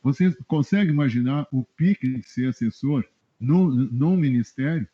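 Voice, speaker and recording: Husky man telling anecdotes. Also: medium pitch, normal speed. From Rio Grande do Sul, Brazil. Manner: animated anecdotes, chuckling often. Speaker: journalist guest, press adviser. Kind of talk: casual interview storytelling. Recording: dull lo-fi web radio audio.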